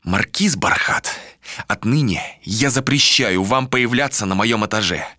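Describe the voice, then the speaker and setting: A man voicing a stern young lord in an audiobook, speaking in a slow, cold and formal way. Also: mid-range voice, sharp tone, no echo, studio quality. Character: stern, authoritative young man laying down rules. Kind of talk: audiobook character voice.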